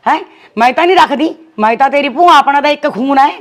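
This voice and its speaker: A woman plays a worried middle-aged village aunt with a Malwai Punjabi accent. Her voice is high, and she coaxes and insists, calling him "son" again and again. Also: fast, close to an everyday voice. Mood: coaxing. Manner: coaxing, insistent, repeating "son". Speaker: paternal aunt. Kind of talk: web series acting.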